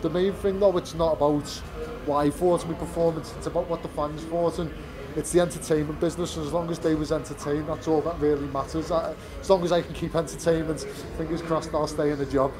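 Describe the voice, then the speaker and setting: A fast-talking British fighter in his twenties gives a candid post-fight press interview, his voice a little high and steady. He rambles, restarting and using lots of fillers, in the venue's media area while crowd chatter goes on behind him.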